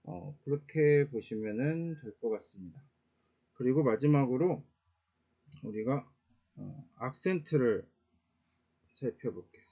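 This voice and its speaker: A man gives a casual online Latin grammar lesson in a warm, mellow voice. He explains step by step, pausing on "uh" fillers and correcting himself now and then. The recording sounds dull and lo-fi. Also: medium pitch, lively intonation. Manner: explains slowly with many "uh" fillers and self-corrections.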